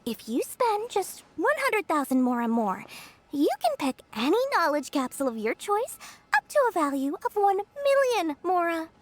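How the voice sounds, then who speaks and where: A sly, flattering game merchant. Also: female voice, extremely high pitch, moderate pace. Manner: smooth salesy flattery. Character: greedy, flattering young female merchant.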